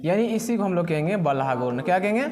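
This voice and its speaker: A man's voice: high voice, lively intonation, fast talker, a crowd in the background. A man teaching a physics class, who keeps asking the students questions and then answers them himself.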